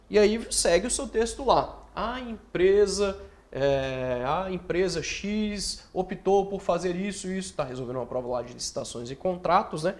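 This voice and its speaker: A man with a Brazilian accent teaching essay writing in an online course, checking in with tag questions and answering imagined student questions himself. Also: high voice. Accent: Brazilian Portuguese. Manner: explains with quick rhetorical questions and tag questions; acts out student questions in his own voice.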